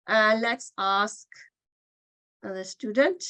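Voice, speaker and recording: A woman's voice: mid-range voice, drawn-out words, bright, forceful tone, no echo, low-quality recording. A woman teaching a Qur'an reading class online, patiently explaining and sounding out letters again and again. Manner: patient, demonstrates sounds by repeating them.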